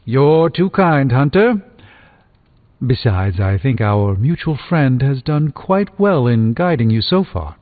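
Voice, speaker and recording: Doctor Strange, erudite sorcerer, tinny audio. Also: male voice, medium pitch, very animated, slow pace. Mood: measured, confiding. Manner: articulate, formal, dryly witty. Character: erudite, wry male sorcerer doctor, composed and a little pompous. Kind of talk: scripted video game character dialogue. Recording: tinny band-limited game audio over music.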